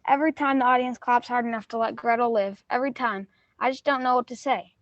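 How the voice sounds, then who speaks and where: A woman playing a mock-indignant, deadpan narrator who accuses the audience in a comic school stage play. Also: on the high side, fast talker, dry recording, muffled recording, lightly acted.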